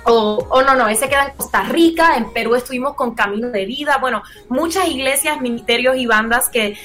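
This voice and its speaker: Her voice is fairly high and bright, moving a little fast over soft background music. The young Puerto Rican woman, a native English speaker with a Puerto Rican accent, appears as a singer-songwriter in a casual radio interview, earnest and expressive.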